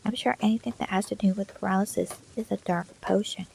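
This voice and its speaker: A complaining schoolgirl with a pinched, nasal whine, acted out by a woman in a whispered role-play bedtime story. Her voice has a gravelly edge and a dark tone. A faint hiss sits underneath. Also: mid-range voice, fairly even intonation, fast talker, close to an everyday voice.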